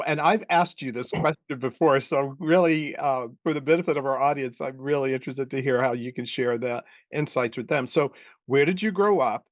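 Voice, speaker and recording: A man hosting a podcast interview who asks questions and responds with warm affirmation. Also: medium pitch, no room sound, highs cut off. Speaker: podcast host.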